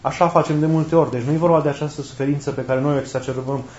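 A man's voice: a little high, fairly even intonation, darkish tone, a little hiss or hum. A man preaching a sermon in a conversational way, asking rhetorical questions and repeating his key phrases. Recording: roomy, dull lo-fi recording.

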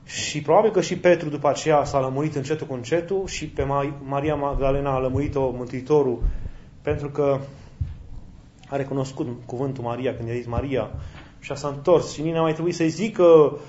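A man's voice: mid-range voice, steady tone, darkish tone, lo-fi sound, a little hiss or hum. A man preaching a sermon in a conversational way, asking rhetorical questions and acting out short quotes.

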